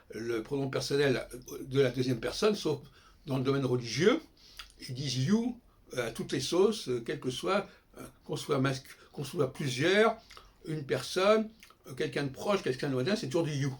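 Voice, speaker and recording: A man's voice: medium pitch, expressive, normal speed. An older man giving a casual, digressive spoken lecture, often breaking off and restarting his sentences. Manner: digressive, self-interrupting, frequent restarts. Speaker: host.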